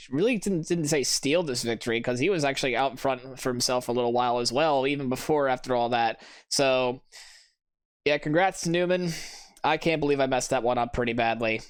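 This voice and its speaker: A smooth, mid-range voice moves a little fast as this worn-out gameplay commentator rambles casually through a let's-play, often self-critical and restarting his thoughts. Loud racing-game engine sounds run in the background.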